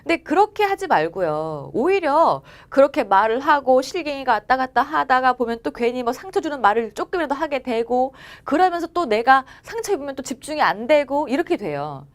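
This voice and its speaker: A young academy teacher at a cram school gives a motivational talk to exam students in a high, very animated voice, speaking fairly quickly with few pauses. She coaxes them along, often checking in with "알겠죠?" and acting out lines from students and teachers.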